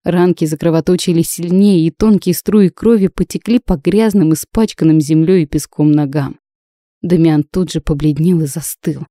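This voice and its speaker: A woman narrating a novel in the first person with a lively, emotional reading. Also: sits low, moderate pace, no room sound, clean studio sound. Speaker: audiobook narrator.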